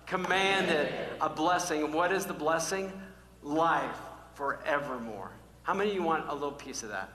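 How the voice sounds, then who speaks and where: A male pastor preaching a sermon to his church, emphatic and repetitive, swinging from loud calls to hushed, almost whispered lines. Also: a little high. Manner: emphatic, repeats key words, varies from loud calls to near-whisper. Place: church sanctuary. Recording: echoey hall, faint hum.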